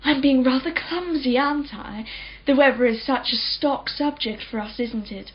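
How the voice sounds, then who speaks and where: In a radio play, an actress with a high-sitting, near-everyday voice speaks at a moderate pace, portraying a wealthy, well-spoken woman in her forties. The character comes across as breezy, chatty, polite and self-assured. The recording is slightly dull, with a faint crowd behind her.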